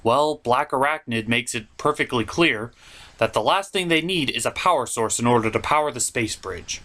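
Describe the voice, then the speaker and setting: With a pushed, bright mid-range voice at normal speed, a man hosts a cartoon review show over slight background noise. He gives opinionated, comedic scripted commentary in an informal way, leaning hard on exaggerated emphasis.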